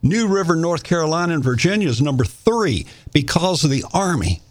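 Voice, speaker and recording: A man's voice: fairly high pitch, sing-song, brisk, no echo. Man, talk show co-host, rambling, dry close sound. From East Tennessee. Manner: rambling, storytelling with many uh fillers. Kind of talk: casual chat.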